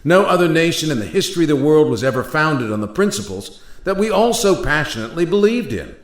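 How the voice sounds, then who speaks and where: A man's voice: on the high side, sing-song, fast talker. An actor playing Thomas Jefferson in a radio play as a courteous, earnest statesman, speaking formally, in a roomy recording. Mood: earnest, reflective. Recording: roomy echo.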